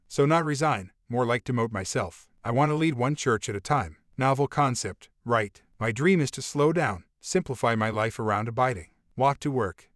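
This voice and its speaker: A man reading a first-person book aloud in a steady, measured way, with conversational asides. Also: medium pitch, no room sound, studio quality. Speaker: audiobook narrator. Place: voice-over.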